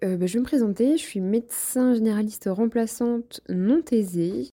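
A woman's voice: on the high side, moderate pace, warm tone. A young woman, a locum doctor, leaving a hesitant voicemail message. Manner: hesitant, filler-laden. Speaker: locum general practitioner.

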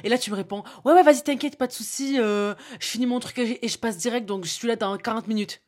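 On her casual solo podcast, a young woman from Toulouse chats spontaneously, addressing the listener directly and using plenty of fillers. Her voice sits on the high side, a little mellow, and she talks fast as she tells her story.

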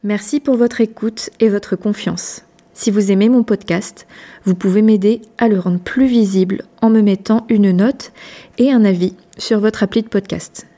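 Calm woman reading a podcast outro. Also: mid-range voice, moderate pace. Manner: calm, even, read aloud. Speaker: podcast host. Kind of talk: scripted outro.

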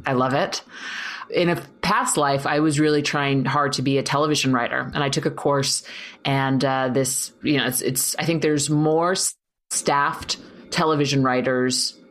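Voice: mid-range voice, fairly even intonation, moderate pace, a bit bright. A podcast host interviewing a guest, enthusiastic and encouraging, mixing praise with a story of their own. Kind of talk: conversational interview.

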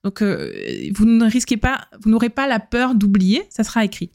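A woman's voice: fairly high pitch, normal speed, darkish tone. A woman hosting a solo podcast, giving advice in a chatty way with many fillers and self-corrections. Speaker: podcast host.

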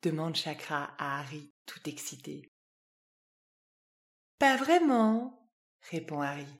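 A woman calmly narrating a children's wellness story with soft, gentle pacing. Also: deep voice, normal speed, vocal fry.

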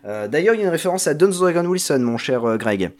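A man's voice: on the high side, sing-song, fast talker. A man talking casually on a podcast as a panelist, presenting a TV series with many hesitations and filler sounds.

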